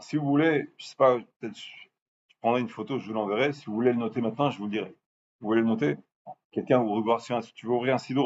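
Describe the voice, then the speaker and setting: Man teaching a religious class. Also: medium pitch. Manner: stresses Hebrew words slowly to demonstrate pronunciation; asks listeners for confirmation often. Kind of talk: informal religious lesson. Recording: muffled lo-fi recording with faint background noise.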